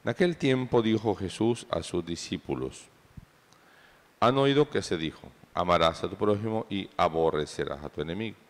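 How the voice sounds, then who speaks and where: A man serving as priest, reading the Gospel and preaching slowly and deliberately in a large church with a cathedral echo. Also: deep voice, animated. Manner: slow, measured proclamation. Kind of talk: liturgical reading and homily. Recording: long church reverb.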